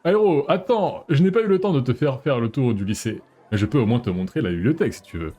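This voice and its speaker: A man's voice: medium pitch, animated, quick pace, mellow, natural voice. A man voicing a polite teenage boy, a class delegate, in a game playthrough.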